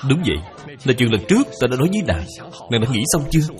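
A man voicing an earnest, courteous young gentleman suitor with a courtly manner. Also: medium pitch, sing-song, very fast, music in the background, natural voice.

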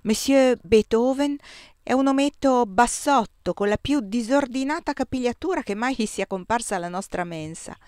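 A woman reading a first-person novel aloud as an audiobook, measured and expressive, on a close mic. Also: a little high, no echo. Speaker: audiobook reader.

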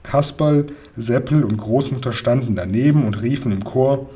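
Storybook narrator, expressive and playful, plain mid voice, male reader. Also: mid-range voice, normal speed, breathy edge. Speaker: audiobook reader.

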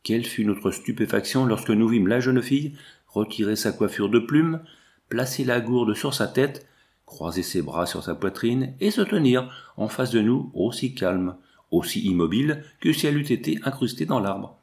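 A man reading a novel aloud in a measured, descriptive narration. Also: mid-range voice, lively intonation, vocal fry, darkish tone. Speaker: audiobook narrator.

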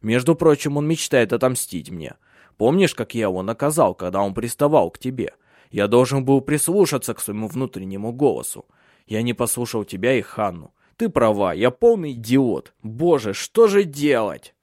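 A man voicing a steady, protective husband and father in an audiobook. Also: medium pitch, normal speed, no echo, clean studio sound, natural voice. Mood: urgent. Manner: firm, commanding.

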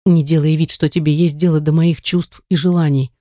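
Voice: medium pitch, level tone, fairly quick, warm tone, dry recording, clean studio sound, close to an everyday voice. A reader voicing a frightened young wife in an audiobook, pleading and defiant by turns. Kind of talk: audiobook reading.

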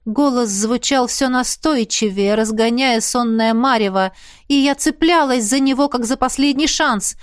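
A woman reading a fantasy audiobook in first person with steady storytelling. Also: fairly high pitch, a little slow, clean tone, dry recording, studio quality. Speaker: audiobook narrator. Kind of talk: scripted first-person narration.

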